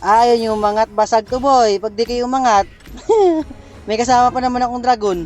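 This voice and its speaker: A man streaming a mobile game, giving excitable play-by-play commentary, laughing often and taunting his opponents. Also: extremely high pitch, moderate pace, faint music behind. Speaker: gaming streamer. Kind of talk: live gameplay commentary.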